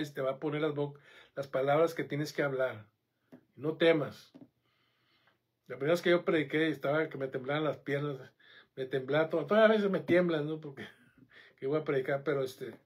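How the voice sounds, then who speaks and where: Preacher guy, lively and chatty, keeps asking the crowd questions, voice sits a bit high. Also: slightly rough. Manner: animated, conversational, asks the congregation questions. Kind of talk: sermon.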